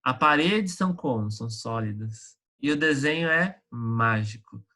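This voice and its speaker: A man's voice: medium pitch, lively intonation, a little slow, bright, forceful tone. A man teaching an online lesson, going over exercises in a conversational way, often checking in with his students and hesitating with fillers. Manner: hesitant, with frequent fillers and restarts.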